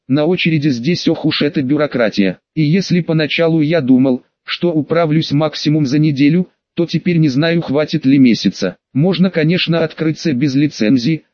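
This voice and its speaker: Man reading an audiobook, higher voice. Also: a little mellow, no room sound. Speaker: audiobook narrator. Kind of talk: first-person audiobook narration. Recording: dull dry audiobook recording.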